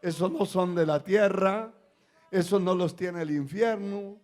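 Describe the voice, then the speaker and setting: A male pastor preaching a sermon, dropping to quiet, low passages and then rising into shouted exhortation. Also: unhurried.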